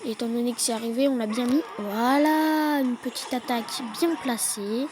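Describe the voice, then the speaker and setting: A woman giving relaxed, chatty play-by-play commentary on her own gameplay, with quick excited bursts. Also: on the high side. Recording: noticeable background noise.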